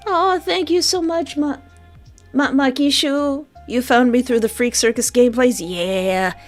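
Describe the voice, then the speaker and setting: This woman's voice is high-pitched and unhurried as she livestreams, chatting effusively and informally with viewers. She's a game developer who reacts aloud to chat messages while soft music plays behind her.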